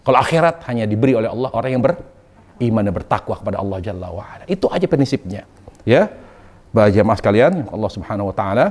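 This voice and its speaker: A man's voice: lowish voice, expressive, fast talker, darkish tone. Male preacher, conversational and humorous, repeats his key points, casual sermon to a women's group. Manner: chatty and humorous, with colloquial asides and acted quotes; pleading, repeating points for emphasis. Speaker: Islamic preacher.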